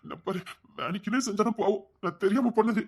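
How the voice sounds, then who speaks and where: An anxious, remorseful young husband in a TV serial, with a Tirunelveli Tamil accent. He talks quickly, pleading and soothing, and repeats his apologies over and over. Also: sits high, animated, vocal fry, slightly rough, heavily acted. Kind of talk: TV serial acting.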